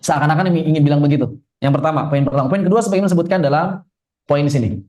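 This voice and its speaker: Joking male religious teacher, higher voice. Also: darkish tone. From Indonesia. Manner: joking, conversational teacher asking the class questions; chants Arabic verses slowly. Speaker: Islamic teacher. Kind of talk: religious study lecture.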